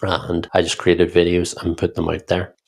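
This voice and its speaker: Northern irish man, deep gravelly voice, flat steady delivery, casual podcast talk. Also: normal speed. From Northern Ireland. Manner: reflective, explanatory, steady. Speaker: podcast co-host, founder.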